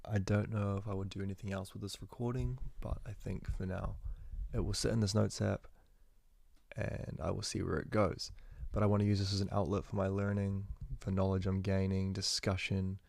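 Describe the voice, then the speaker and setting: Young male student, deep monotone with gravel, quick rambling self-corrections, dry close phone recording. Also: dry recording. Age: young adult. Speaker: university student vlogger. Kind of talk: casual spoken journal. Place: indoors at home.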